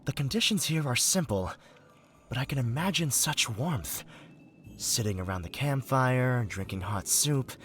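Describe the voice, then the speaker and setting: Theatrical, excitable adventurer with swooping pitch. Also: male voice, a little slow, a little hiss or hum. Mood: musing. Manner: theatrical, eloquent, given to wonder. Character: earnest, excitable male writer companion on a ruin expedition. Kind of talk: video game voice acting. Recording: game music behind the voice. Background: game music.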